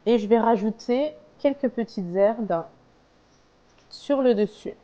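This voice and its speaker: A woman's voice: on the high side, slow pace, mellow, dull audio. A woman casually talking through a recipe step by step as a home cook, in a hesitant, explanatory way. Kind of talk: casual cooking tutorial, talking through steps.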